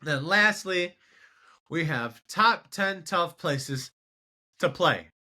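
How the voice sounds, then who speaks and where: A man's voice: on the high side, animated, slow pace, sharp tone. A man hosting a casual sports commentary show, rambling and incredulous as he talks to himself. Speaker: show host.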